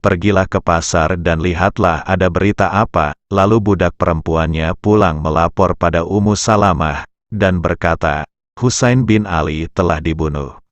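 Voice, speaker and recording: A man narrating Islamic history, reading translated passages in a measured, steady way and citing his sources. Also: deep voice, no room sound, dull audio. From Indonesia. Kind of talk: reading translated texts aloud.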